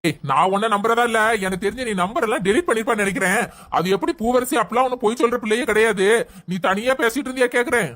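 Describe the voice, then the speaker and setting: A woman's voice: on the high side, very fast, a bit bright, lightly acted. A woman voicing a strict, commanding middle-aged father in a family skit. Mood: stern. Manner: commanding, stern.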